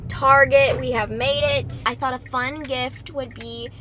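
A woman in her twenties talking casually to a handheld camera, chatty and excitable as she goes from car to store. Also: high-pitched, a little slow. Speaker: vlogger. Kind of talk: casual vlog talk to camera. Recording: noisy vlog audio with traffic sounds.

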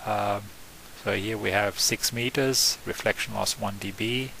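A man giving an unscripted, step-by-step software tutorial, often pausing with fillers and correcting himself. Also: on the low side, steady tone, creaky, a little hiss or hum, poor audio. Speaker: software trainer. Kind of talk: screen-recorded software tutorial.

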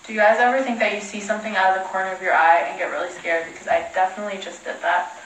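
A woman's voice: mid-range voice, fairly even intonation, rapid-fire, a bit bright, a little hiss or hum. A young woman hosting a casual livestream from home, chatting in a rambling, self-mocking way while talking on a phone. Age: young adult. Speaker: livestream host. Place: indoors at home. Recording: echoey room.

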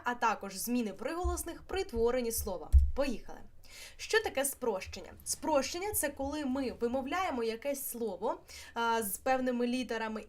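A young woman teaching an online language lesson, lively and clear, spelling out word examples one by one. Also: fairly high pitch. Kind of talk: online exam-prep lesson.

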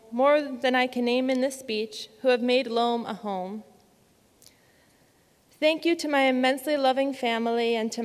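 A young woman in her twenties reading a prepared award acceptance speech from a podium microphone, earnest, measured and lyrical. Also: a little high. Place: large dark auditorium stage. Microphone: podium microphone on a stand. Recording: long hall reverb from the auditorium.

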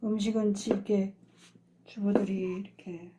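An older woman, a mother, chatting casually in a home kitchen and giving brisk, matter-of-fact cooking instructions. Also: mid-range voice, level tone, very noisy.

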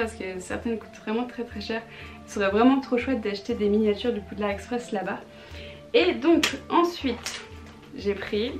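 A woman's voice: fairly high pitch, a little mellow. A woman chatting enthusiastically in a casual haul vlog, with lots of fillers and restarts. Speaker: vlogger showing purchases.

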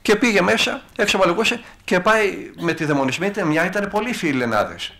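Older male monastic elder; bright voice, lively colloquial sermon storytelling. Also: sits high, vocal fry.

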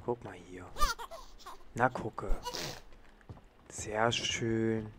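A man's voice: on the low side, fairly even intonation, very slow, heavy background noise. A man giving casual let's play commentary, talking to a game baby in a teasing, playful way and sometimes dropping into a whisper.

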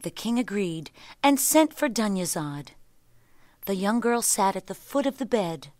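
A woman reading a children's fairy tale aloud, her voice at an ordinary middle pitch but full of animated rise and fall. The recording is close and dry, with no room echo. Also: a little slow. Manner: expressive storybook telling. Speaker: storyteller. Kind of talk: scripted children's story narration.

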